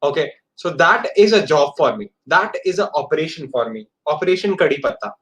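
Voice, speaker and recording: Teaching an informal live coding class, this Indian-accented man speaks a touch fast in a fairly high, bright, sing-song voice. He often says things twice and checks in with brief tags to confirm everyone keeps up.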